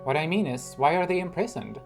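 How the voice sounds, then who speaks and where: A man's voice: a little high, expressive, brisk, creaky, voice pushed up. A man voicing a curious, indignant young nobleman's son in a storybook reading, his voice raised in agitated outbursts. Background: guitar music.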